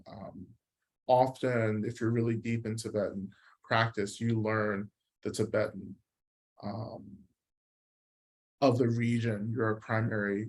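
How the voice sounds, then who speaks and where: A man's voice: fairly low pitch, darkish tone. A man teaching a Buddhist practice session, explaining ideas in a reflective way and often checking in with "right?". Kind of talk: dharma talk answering questions.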